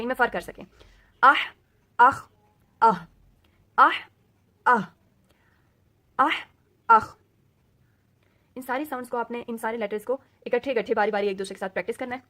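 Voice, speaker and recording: A woman teaching Quran reading in a recorded lesson. She explains slowly and patiently, mixes English words into her teaching, and repeats letter sounds over and over for drills. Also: on the high side.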